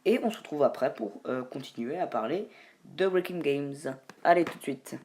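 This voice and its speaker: A woman's voice: low voice, expressive, moderate pace, a little mellow, a little hiss or hum. A woman hosting a homemade video, chatting in a rambling way with many fillers. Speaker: YouTube host. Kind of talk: casual homemade video commentary.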